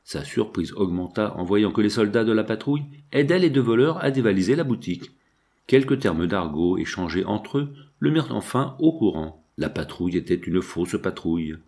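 Low-voiced male audiobook narrator. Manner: steady, measured storytelling.

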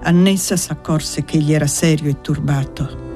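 A reader narrating a classic novel in a measured, expressive way. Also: mid-range voice, over music. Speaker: audiobook reader. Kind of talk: literary audiobook narration.

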